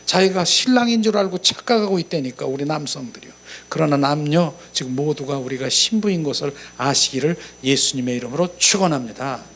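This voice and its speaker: A middle-aged male pastor preaching a sermon at a church service, swinging between loud, emphatic exclamations and soft, quiet murmurs. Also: a little high, brisk, few pauses, a little hiss or hum.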